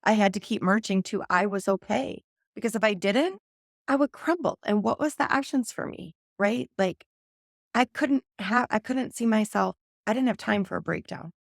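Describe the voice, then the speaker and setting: A woman's voice: mid-range voice, animated, normal speed, creaky, no echo, clean studio sound. A woman sober coach, a podcast guest, sharing her own story in an earnest, open way. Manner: earnest and open, speaking in long flowing runs. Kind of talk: candid personal storytelling in a podcast conversation.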